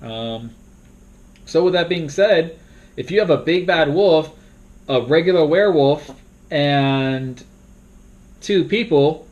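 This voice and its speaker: A young man casually walking through how to moderate a party game, rambling and now and then bursting into loud acted-out announcements. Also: a little high, lively intonation, slow, pauses often, dull audio. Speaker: game moderator teaching a tutorial. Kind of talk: casual instructional talk.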